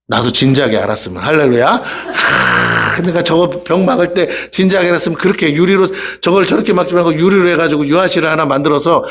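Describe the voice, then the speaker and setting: A male pastor giving a casual, humorous sermon, telling stories and asking the congregation questions. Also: fairly high pitch. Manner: chatty storytelling, asks the congregation questions, acts out voices. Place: church sanctuary. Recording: dull lo-fi church recording.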